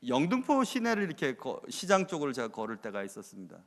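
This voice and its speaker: A man's voice: mid-range voice, huge pitch swings, quick pace. A male pastor preaching a sermon in a church, conversational and confessional, asking rhetorical questions. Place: church sanctuary. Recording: reverberant church hall.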